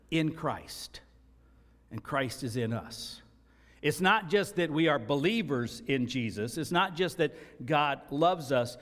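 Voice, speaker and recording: A man's voice: on the high side, a bit bright. A man preaching a sermon as pastor, earnest and emphatic, repeating key phrases for stress. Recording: long reverb of a large hall.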